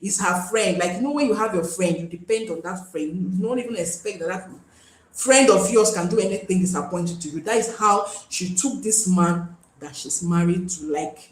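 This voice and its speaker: A woman's voice: lowish voice, moderate pace, echoey room, poor audio. A Nigerian woman hosting a live stream, chatting casually and pleading with viewers to join. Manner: pleading, chatty, switches into pidgin.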